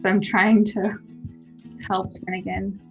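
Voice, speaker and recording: A woman's voice: medium pitch, flat delivery, a little slow, creaky, muffled recording, soft background music. A woman playing in a tabletop game, speaking hesitantly with many fillers. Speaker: player. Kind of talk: casual tabletop play.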